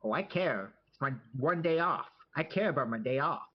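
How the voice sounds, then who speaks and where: A man's voice: on the high side, expressive, moderate pace. Grumbling man playing a tabletop game. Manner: grumbling, sarcastic. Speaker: player. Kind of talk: in-character tabletop banter. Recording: dull lo-fi audio.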